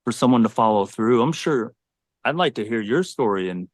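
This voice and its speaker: A man's voice: mid-range voice, animated, moderate pace, no room sound, clean studio sound. A man in his forties, a Navy SEAL, talking earnestly and reflectively in a podcast conversation.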